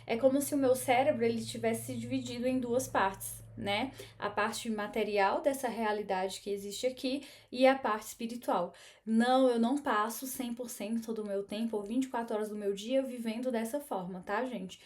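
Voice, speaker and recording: Brazilian-accented woman, slightly high voice, earnest confiding vlog storyteller. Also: fairly even intonation, moderate pace, darkish tone. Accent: Brazilian Portuguese. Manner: chatty, earnest, with frequent tag questions. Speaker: spiritual teacher and medium.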